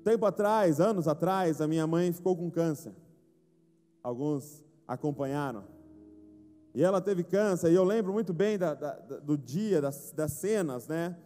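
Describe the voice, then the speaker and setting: A man's voice: a little high, measured pace, mellow. A young man from Brazil preaching a sermon at a conference, telling stories and building to emphatic declarations. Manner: storytelling, acts out his father and himself, rising to emphatic declarations. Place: large conference hall. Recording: hall reverb with faint music.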